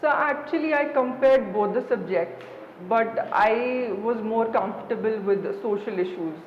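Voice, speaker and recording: A young woman with a Kashmiri accent, answering formally and haltingly as a deferential interview candidate. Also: fairly high pitch. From Srinagar, Kashmir, India. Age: young adult. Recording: echoey hall, dull sound, background noise.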